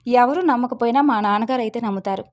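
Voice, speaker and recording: A woman's voice: on the high side, fast, lightly acted. A woman voicing an innocent, devoted young girl who speaks earnestly and pleads.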